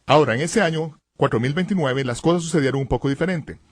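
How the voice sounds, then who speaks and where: A man gives dramatic Bible teaching, pushing his phrases hard and rising to loud exclamations. His voice sits fairly high. He is recorded dry in a studio booth. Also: fast talker, no echo.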